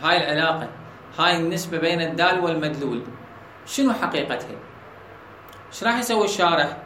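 A man with an Iraqi Arabic accent teaching a logic lesson, often asking his students whether the point is clear. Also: fairly high pitch, lively intonation, fast, pushed and bright, a little hiss or hum. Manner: asks students checking questions. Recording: echoey room with faint ambience.

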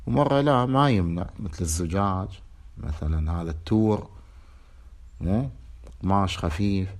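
A man with an Iraqi accent giving a lecture on a religious legal text, reading formal passages and then explaining them in colloquial speech with rhetorical questions. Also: sits low. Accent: Iraqi Arabic. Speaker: religious teacher.

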